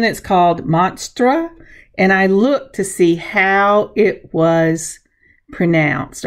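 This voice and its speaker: A woman hosting a craft tutorial in a gravelly voice at a medium pitch. She talks slowly and casually, chatting as she explains each step of what her hands are doing. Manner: chatty, unhurried, self-narrating.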